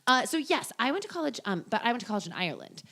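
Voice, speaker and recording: A woman's voice: fairly high pitch, very animated, racing, bright, forceful tone. A woman in her twenties, a podcast guest, chatting casually with frequent laughs and trailing asides.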